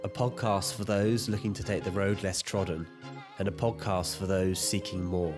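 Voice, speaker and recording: A man's voice: sits low, fairly even intonation, moderate pace, over loud music. A man hosting a podcast, asking questions in an encouraging way with many listening murmurs. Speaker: podcast host. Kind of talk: podcast interview.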